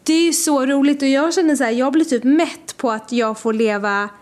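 A young woman from Sweden, co-hosting a podcast, telling stories in casual chat and acting out what people said. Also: high voice. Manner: lively storyteller, acts out quotes. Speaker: podcast co-host.

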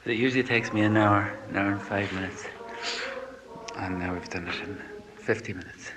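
Blunt man, lowish voice. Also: steady tone, fairly quick, a crowd in the background. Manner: blunt, opinionated. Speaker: hill climber interviewee. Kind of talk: casual opinionated interview. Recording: noisy location recording.

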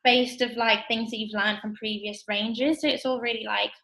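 A creaky, higher-leaning voice with fairly even intonation, captured on a low-quality recording. The speaker is a woman in her twenties, an assistant buyer guesting in a casual interview, explaining her job quickly and brightly with many "like"s and "kind of"s.

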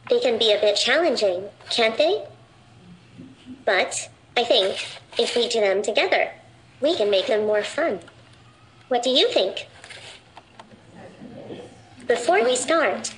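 A woman's voice: fairly high pitch, a little hiss or hum, poor audio. A synthetic text-to-speech woman's voice voicing a friendly female robot who coaches children through their exercises.

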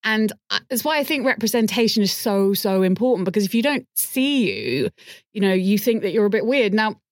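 Female podcast guest, casual and animated, self-deprecating, mid-pitched, dry studio. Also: fairly quick, no room sound. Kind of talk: casual chat.

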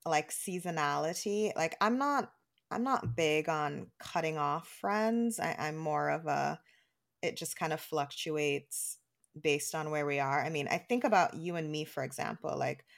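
A woman in her thirties speaks in a slightly low voice, talking easily on a casual podcast. She is chatty and circles back to her points, with many small restarts and quick laughs between thoughts. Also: vocal fry. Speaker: podcast co-host.

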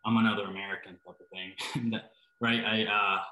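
A man's voice: lowish voice, little pitch movement, a little fast, bright, forceful tone. A man from Costa Rica, a startup founder, answering interview questions hesitantly, with many fillers. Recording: roomy, echoey sound.

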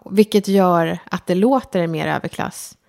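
A woman from Sweden with a slight lisp who speaks far forward in her mouth, giving her Stockholm accent an upper-class ring. She talks directly and frankly, with a self-deprecating streak. Her middle-pitched voice carries a gravelly edge. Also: a little mellow. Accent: Stockholm, slightly upper-class tinge. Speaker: guest, designer and lecturer. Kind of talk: casual conversation.

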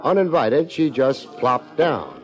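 On a dull old radio broadcast with music, a man with a mid-range voice narrates and plays a hard-boiled detective in a 1950s mystery. He speaks slowly and tersely, in clipped lines, with big swings in pitch.

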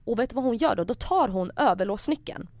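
Young woman, podcast host, lively storyteller, dry close sound. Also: on the high side, no echo. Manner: animated, acts out quotes, many fillers like "jag bara". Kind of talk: casual storytelling.

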